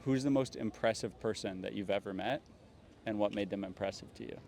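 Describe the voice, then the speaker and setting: A man's voice: lowish voice, fairly quick, gravelly, a little mellow, slight background noise. A man hosting street interviews, asking questions in an upbeat, encouraging way. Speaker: interviewer host. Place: city street outdoors.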